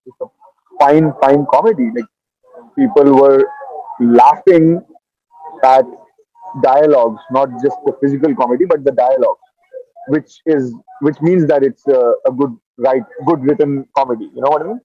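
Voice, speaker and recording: A man's voice: medium pitch, moderate pace, long pauses, mellow, no room sound, lo-fi sound. A man hosting a casual interview, asking playful, teasing questions. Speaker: host, actor.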